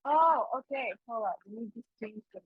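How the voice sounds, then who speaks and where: A woman's voice: a little high, animated, a little fast, husky, no room sound, narrow, tinny audio. A woman being interviewed over a video call, talking hesitantly with fillers while her voice keeps dropping and cutting out on a bad connection. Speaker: interview guest, former intern.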